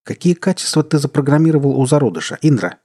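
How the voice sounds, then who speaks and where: A man's voice: lowish voice, animated, moderate pace, dark tone, breathy edge. A man voicing a weary middle-aged king and stern, worried father in a read-aloud story. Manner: heavy, stern, bitter.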